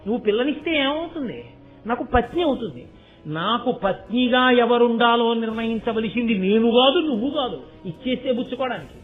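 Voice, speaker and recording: A man's voice: extremely high pitch, expressive, fairly quick. A man voicing a dutiful, firm young prince. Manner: firm, reasoning rhetorical questions. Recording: tinny phone-like lo-fi sound with faint music.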